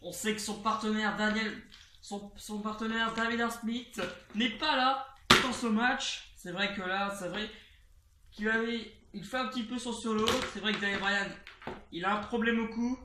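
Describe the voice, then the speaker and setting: A wrestling commentator calling a video game match play-by-play, excitable and rambling, repeating names and shouting at the big moves. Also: mid-range voice, moderate pace. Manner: rambling asides, repeats names, frequent restarts. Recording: roomy, noisy, distant home mic.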